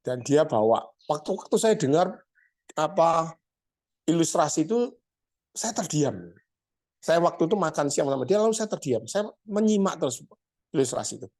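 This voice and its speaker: A man's voice: a little high, animated, normal speed, pauses often, darkish tone. A man, a pastor from Surabaya with an East Javanese accent, telling a story in a sermon and addressing the congregation directly. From Surabaya, Indonesia.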